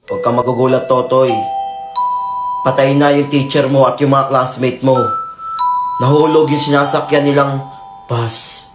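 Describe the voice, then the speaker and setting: A woman voicing an eerie ghost who speaks in a slow, ominous way. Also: flat delivery, echoey room, over music. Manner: slow, ominous, low-voiced. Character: ghostly spirit, grave and eerie.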